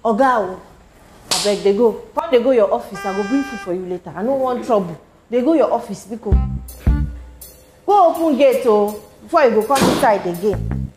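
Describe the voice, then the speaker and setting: Apologetic Nigerian housemaid, played by a woman, lively and high, echoey room. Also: fairly quick, over music. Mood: pleading. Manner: pleading, apologetic.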